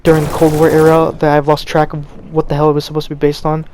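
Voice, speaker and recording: A man's voice: fairly high pitch, completely flat delivery, fast, darkish tone, a little hiss or hum. A young man giving a rambling, unscripted rant as a gaming channel host, stammering and restarting as he talks while feeling cold. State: cold, stuttering. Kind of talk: unscripted gameplay commentary rant.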